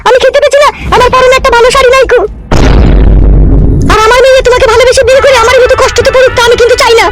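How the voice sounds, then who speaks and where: A woman's voice: very high voice, flat delivery, racing. A woman voicing a fed-up runaway wife in a cartoon, scornfully listing her complaints. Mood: bitter. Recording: background music.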